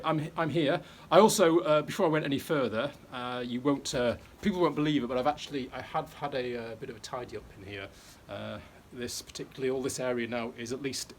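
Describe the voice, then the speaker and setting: A middle-aged man in a casual do-it-yourself build vlog, with a voice of ordinary middle pitch. He rambles through his work, full of fillers and restarts, and pokes fun at himself. A faint background hiss sits under the camera mic. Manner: rambling, many fillers and restarts, self-deprecating. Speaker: vlogger fitting out a narrowboat. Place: outdoors on a boat roof and inside a boat workshop.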